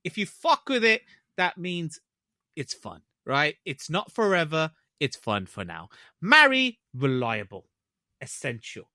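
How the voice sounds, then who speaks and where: A podcast host playfully introducing a game segment with drawn-out emphasis. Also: medium pitch, sing-song, bright, forceful tone, dry recording, clean studio sound. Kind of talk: casual podcast chat, segment hosting.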